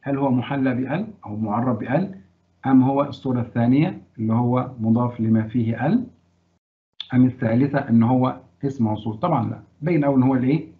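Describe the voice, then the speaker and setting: A man's voice: mid-range voice, fast talker. A man with an Egyptian accent teaching a grammar lesson, quizzing his students and praising their answers. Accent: Egyptian Arabic. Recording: tinny phone-like sound.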